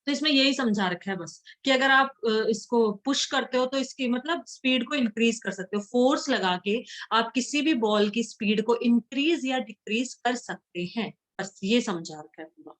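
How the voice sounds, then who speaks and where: Patient woman teacher, slightly high voice. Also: fairly bright tone. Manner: explains in Hindi, reads English lines slowly. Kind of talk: classroom lesson.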